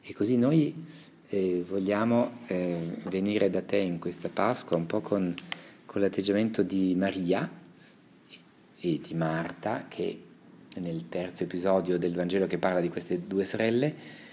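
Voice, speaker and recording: A man speaking as a priest, giving a measured, reflective homily with a Gospel reading and pausing often to restart his phrases. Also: low voice, mellow, slight background noise.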